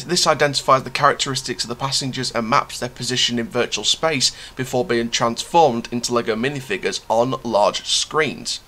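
A man's voice: mid-range voice, sharp tone. A young man from the United Kingdom giving a theme park news update in a chatty way, with many fillers and restarts, recorded in a small room at home with the camera close to his face. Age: young adult. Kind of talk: news update reading, then casual commentary.

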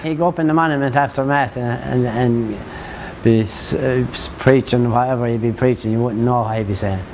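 A man in his seventies with an Irish accent, reminiscing in a halting, conversational interview outdoors. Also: medium pitch, a little mellow, a little hiss or hum. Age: 70s. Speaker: local interviewee recalling town history. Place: outdoors, sheltered spot by a garden.

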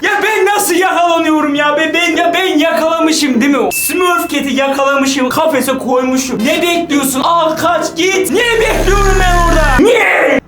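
A young man reacts out loud in a very high voice, yelping and shouting in panic as he comments. His voice rings in a roomy, echoing space, and loud music plays underneath. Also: normal speed. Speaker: YouTuber host.

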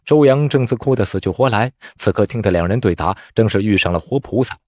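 A man reading a novel aloud as a storyteller, with expressive, dramatic narration. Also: lowish voice, quick pace, dry recording, studio quality.

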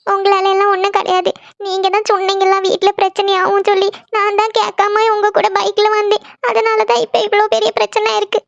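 A squeaky, very high young cartoon woman who rattles off her words between sobs, as a voice actor plays her. The tone is gravelly underneath, and the sound is dull and lo-fi. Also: monotone, fairly quick, few pauses, no echo. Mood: tearful. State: crying. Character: young woman in love, tearful and upset. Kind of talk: cartoon voice acting.

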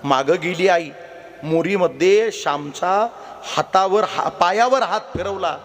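A man's voice: high-pitched, measured pace. A man kirtan preacher telling a devotional story and urging the audience to listen. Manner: emphatic, repeatedly calls the audience to listen. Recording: long hall reverb.

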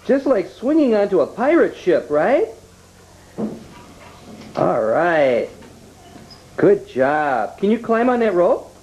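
A woman's voice: on the low side, big pitch swings, slow pace, pauses often, darkish tone. A woman filming a small child in a basement, praising and coaxing him in a sing-song way. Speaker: family member filming a child. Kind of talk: home video, talking to a child. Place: house basement. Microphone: camcorder microphone. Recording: muffled 1990s camcorder tape with hiss.

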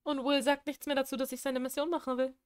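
Female gamer, high voice, casual let's-play commentary, bewildered and exasperated. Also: little pitch movement, quick pace, dry recording. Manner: confused, exasperated, talking to herself and the game. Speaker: gameplay streamer.

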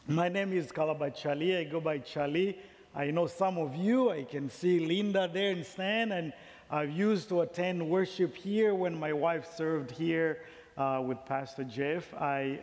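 A man's voice: fairly high pitch, a little mellow. A middle-aged man from Zambia preaching a sermon in a large church sanctuary, speaking through a headset mic. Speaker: district superintendent preaching. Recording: long reverb of a large church hall.

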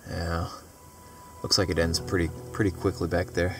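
A man's voice: deep voice, flat delivery, moderate pace, music in the background. A man in his thirties hosting a casual outdoor vlog, enthusiastically explaining his finds as he walks through a forest. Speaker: metal detecting channel host.

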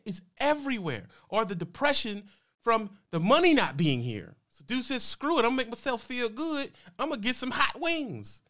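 A man's voice: extremely high pitch, sharp tone. A man streaming, reacting to a clip and ranting heatedly, talking back at it and calling people bro and man. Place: home streaming room.

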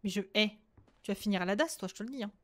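A young adult woman streaming a horror game, chatting casually with her viewers. She swears freely, repeats herself in quick bursts and breaks into shrieks when the game startles her. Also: mid-range voice, a bit bright. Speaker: gaming streamer. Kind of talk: let's-play commentary of a horror game.

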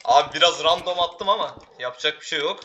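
Excitable teen gamer, bright voice. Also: male voice, fairly high pitch, fast, muffled recording. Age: teens. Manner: excitable, talks to teammates and viewers, frequent exclamations. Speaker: gaming YouTuber. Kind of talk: live gameplay commentary.

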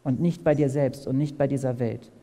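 A man preaching a sermon, asking his listeners direct questions and swinging between loud and soft. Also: mid-range voice, fairly even intonation, moderate pace. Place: large hall at a camp meeting. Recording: long hall reverb.

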